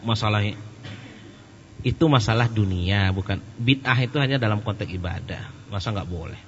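A man's voice: on the low side, normal speed. A middle-aged man preaching a sermon and answering audience questions in a chatty, joking storytelling manner. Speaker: Islamic preacher. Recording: echoey hall, dull and slightly noisy.

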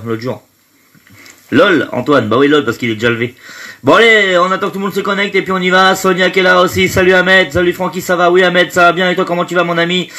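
A man with a high-pitched, sharp voice runs a casual live stream from home while stuffy with hay fever. Chatty, he greets his viewers one at a time by name and drifts off with fillers.

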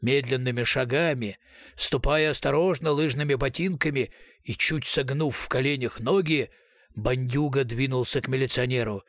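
A man narrating an audiobook in a measured, steady reading style. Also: medium pitch, no room sound. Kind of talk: scripted narration.

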